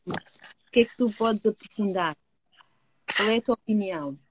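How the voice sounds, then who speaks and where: A woman with a European Portuguese accent, a hypnotherapist co-hosting a live discussion, earnest and measured, who asks rhetorical questions and then answers them. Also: mid-range voice, dry recording. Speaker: co-host, hypnotherapist. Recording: dry close sound.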